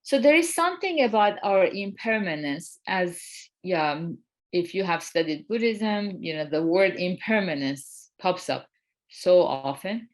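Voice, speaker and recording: A woman's voice: fairly low pitch, expressive, unhurried. A woman in her forties co-hosting a Buddhist webinar, telling stories with frequent light laughs. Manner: warm storytelling with frequent laughs. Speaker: co-host of a Buddhist talk. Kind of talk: dharma talk webinar.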